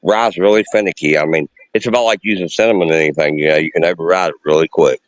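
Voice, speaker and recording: A man's voice: sits low, fast talker, no echo, rough recording. A man, chatting casually and explaining things in a folksy, emphatic way like an experienced craftsman. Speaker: experienced distiller. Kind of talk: casual chat, explaining distilling.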